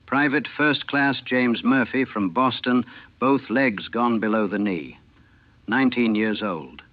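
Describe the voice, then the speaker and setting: On an old archival recording that sounds narrow, tinny, dry and lo-fi, a former US army chaplain solemnly recalls the war in the first person. His medium-pitched voice is grave, measured and haunted.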